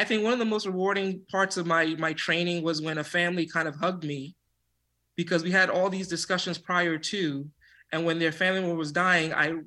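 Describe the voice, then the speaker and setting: A man's voice: high voice, pushed and bright. A man appearing as a physician guest on a radio show, telling stories in an earnest way and laughing easily. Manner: earnest, storytelling, quick to laugh. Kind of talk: casual radio conversation.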